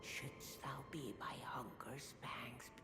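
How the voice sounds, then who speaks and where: An actress playing a gentle, courteous fantasy game hostess who speaks in mock archaic English with thee and thou, in a hushed, breathy delivery. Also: female voice, very deep voice, steady tone, slow pace, whispered. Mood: gracious delight. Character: gentle, courteous woman offering stew to a noble guest. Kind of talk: fantasy video game character acting. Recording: echoing voice under loud music.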